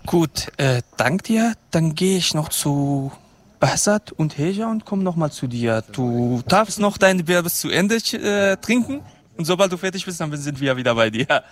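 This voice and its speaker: A man's voice: fairly high pitch, expressive, measured pace. A man moderating a panel, asking questions in two languages with hesitant fillers.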